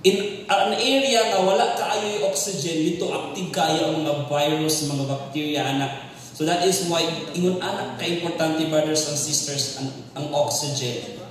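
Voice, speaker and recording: Slow-speaking preacher man in echoey hall. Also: a little high. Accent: Cebuano Filipino. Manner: mixes English and local words, often asks the crowd for responses. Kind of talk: sermon. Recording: echoey hall with long reverb, from far off the mic.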